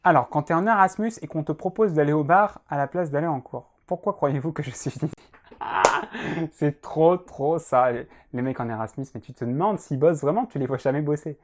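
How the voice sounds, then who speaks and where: A man's voice: on the high side, moderate pace, a little hiss or hum. A young man in casual commentary, reacting to student jokes as a law teacher, chatty and self-mocking, with many fillers. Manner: chatty, self-mocking, frequent "euh" and "hein".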